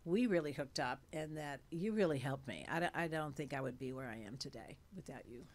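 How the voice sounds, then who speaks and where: An actress in her late sixties chats animatedly as a guest in a casual interview, speaking into a studio mic on a stand in a room with dark curtains and blue lights. Her voice is low-pitched, expressive, and a little fast, and her talk is full of fillers.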